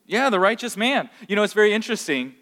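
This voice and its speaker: At a quick pace, this pastor delivers interactive Bible teaching, animatedly questioning the group. His pitch and volume jump when he underlines a point, and the hall's long reverb carries everything.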